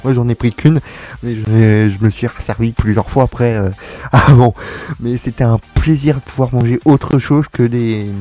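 Young man, radio host, chatty, joking, laughs a lot, mellow dark voice, faint music behind. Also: medium pitch, steady tone, moderate pace. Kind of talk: casual radio chat.

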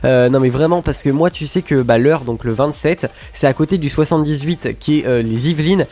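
A man's voice: medium pitch, a little fast, dark tone. A man hosting a radio show in casual on-air chat, talking in a hesitant way with many fillers and restarts. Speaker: radio host. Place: radio studio.

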